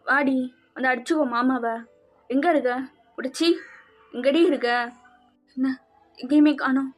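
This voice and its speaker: A woman's voice: high voice, steady tone, moderate pace. A woman voicing a remorseful young husband who anxiously searches for his wife and calls out to her. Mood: anxious, pleading. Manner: pleading, anxious calling out. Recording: slightly dull with faint music.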